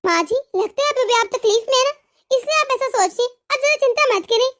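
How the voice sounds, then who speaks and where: A woman voicing a kind, forgiving elder daughter-in-law in a cartoon, gentle and reassuring. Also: extremely high pitch, a little fast. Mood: caring. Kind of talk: cartoon voice acting.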